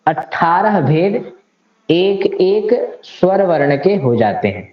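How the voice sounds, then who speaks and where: A man's voice: high-pitched, big pitch swings, takes it slowly. A man teaching Sanskrit grammar in a lecture, explaining it step by step and reciting grammar rules with care. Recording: echoey, slightly dull room recording.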